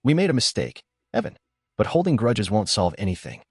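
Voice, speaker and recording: A man voicing a middle-aged foster mother whose clipped, sharp voice tries to sound soft. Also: lowish voice, huge pitch swings, fairly quick, vocal fry, breathy edge, no room sound, studio quality, full character voice. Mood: coaxing.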